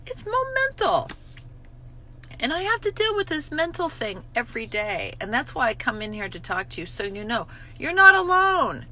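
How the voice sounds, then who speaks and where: A middle-aged woman vlogging about recovery in a bright, lively voice that rises and falls a lot. She is blunt and self-mocking and swears freely. A faint hiss of noise sits behind her. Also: fairly high pitch, a little fast, hardly any pauses. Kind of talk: candid spoken reflection on a daily reading.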